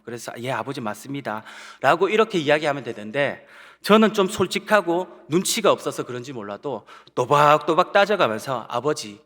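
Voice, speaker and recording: A man's voice: a little high, sharp tone. A man preaching a Sunday sermon as pastor, earnest and putting rhetorical questions to his congregation. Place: church sanctuary. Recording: long church-hall reverb.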